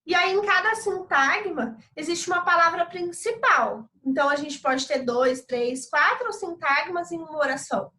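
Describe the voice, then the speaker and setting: A woman's voice: very high voice, animated, moderate pace, few pauses, bright, forceful tone, rough recording. A Brazilian woman teacher giving a recorded online lesson, explaining step by step and checking in with frequent tag questions. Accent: Brazilian Portuguese. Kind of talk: recorded online class lecture.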